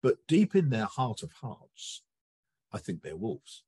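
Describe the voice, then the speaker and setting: A middle-aged man speaks as a podcast guest, his voice slightly husky and recorded close and dry. He tells stories with energy, slipping into little quoted voices as he goes. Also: fairly low pitch, dry recording. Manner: animated storyteller, acts out quick quoted voices. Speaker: guest, coaching researcher. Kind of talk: relaxed interview conversation.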